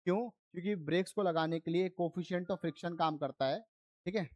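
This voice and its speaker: Recorded with muffled sound and no room ambience, a man with a high, slightly mellow voice teaches physics online at normal speed. He's a science teacher who builds explanations step by step, blends Hindi and English terms, and regularly checks on his students' understanding.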